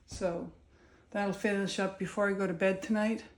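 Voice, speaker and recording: A woman's voice: medium pitch, steady tone, moderate pace, dry recording. A middle-aged woman in a casual, folksy video diary, talking plainly through everyday chores as if to family. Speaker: home vlogger. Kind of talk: casual chatty video diary addressed to their father. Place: outdoors in a garden, later indoors at home. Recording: clear ambient background noise.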